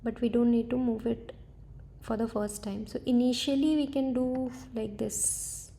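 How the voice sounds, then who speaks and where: Slow, gravelly-voiced woman thinking aloud. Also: a little high, fairly even intonation, mellow. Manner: hesitant, tentative, self-correcting. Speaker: coding tutor. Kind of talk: thinking aloud while solving a coding problem.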